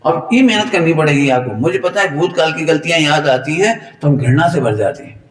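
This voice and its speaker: Man, sermon, fairly high voice, animated, teasing, echoey hall, distant mic. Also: fairly quick. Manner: animated, playful, teasing the audience. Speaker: Jain preacher. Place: temple hall.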